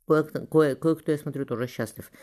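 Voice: mid-range voice, fairly even intonation, fairly quick, darkish tone, pitched above the performer's own voice, lightly acted. Reader voicing Marfa, a tender chatty woman. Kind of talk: audiobook character reading.

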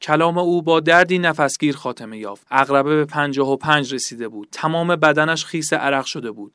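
A man reading a novel aloud as a podcast host, in a steady, measured narration. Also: fairly high pitch, smooth, dry recording, clean studio sound. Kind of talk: literary narration.

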